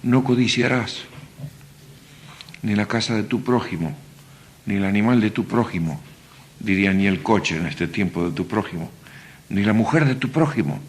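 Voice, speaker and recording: A man's voice: on the low side, animated, moderate pace, pauses often, a little hiss or hum. An older man with a Rioplatense Spanish accent, preaching a sermon in a conversational style with rhetorical questions to the congregation. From Argentina.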